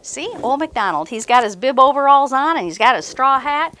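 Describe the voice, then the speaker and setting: A woman hosts a library story time, reading and talking with animation to young children and frequently asking them questions. Her voice is high and fairly quick.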